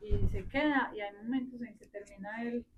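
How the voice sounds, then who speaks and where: A woman's voice: on the high side, moderate pace. Earnest mother, slightly muffled with faint noise. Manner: earnest, heartfelt storytelling. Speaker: mother in a class discussion. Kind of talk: sharing a personal story.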